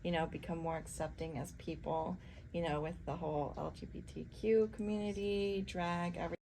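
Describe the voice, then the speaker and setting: A woman's voice: fairly low pitch, fairly even intonation, moderate pace, mellow, poor audio. A woman interviewing casually in a chatty, agreeable way, with loose, conversational questions. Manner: chatty, agreeable, peppers questions with "like" and "you know". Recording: clear background noise, room ambience.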